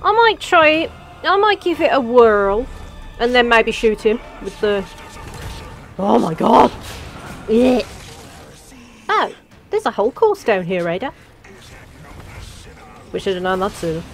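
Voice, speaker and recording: Jokey woman with lively pitch. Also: unhurried, long pauses, soft background music. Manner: jokey, excitable, talks back to the game characters. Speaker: gaming channel host. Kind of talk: let's play commentary.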